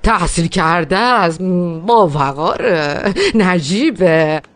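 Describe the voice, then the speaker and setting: A woman's voice: lowish voice, animated, lightly acted. A woman dubbing a hesitant mother. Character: mother announcing a marriage proposal. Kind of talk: dubbed TV drama.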